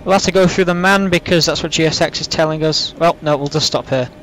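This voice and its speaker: A man's voice: on the high side, quick pace, fairly bright tone, slight background noise, low-quality recording. A man giving casual, rambling, self-deprecating gameplay commentary as a flight sim host, saying w for r. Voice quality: can't pronounce R's properly, says w for r.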